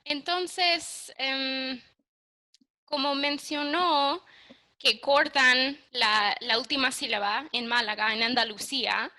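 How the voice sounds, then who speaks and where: A woman's voice: high-pitched, fairly even intonation, takes it slowly, bright, forceful tone. A woman interviewing a guest, asking polite and formal questions with curiosity.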